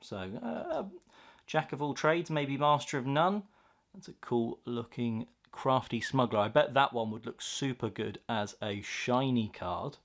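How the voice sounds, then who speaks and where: A man's voice: medium pitch, expressive, measured pace, fairly bright tone. A man chatting casually and enthusiastically as he hosts an unboxing, reacting aloud to what he finds. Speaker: host of a card pack opening video.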